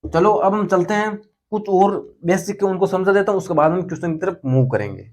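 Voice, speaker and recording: A man's voice: high voice, fairly quick, darkish tone. Chatty young male physics teacher. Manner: chatty, addresses students as friends, repeats key words. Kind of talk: casual explanatory lecture.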